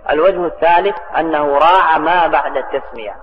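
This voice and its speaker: A man's voice: a little high, slight background noise. Guy teaching grammar, drags out his examples, long echo, kinda muffled. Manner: slow, repeats example phrases deliberately. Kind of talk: classical Arabic grammar lesson. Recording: dull recording in a reverberant hall.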